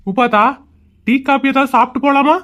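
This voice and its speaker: A man's voice: extremely high pitch, steady tone, a little fast, fairly bright tone. A man performing a teasing, mocking husband in a comedy sketch. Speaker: comic sketch actor playing a husband. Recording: dull lo-fi audio.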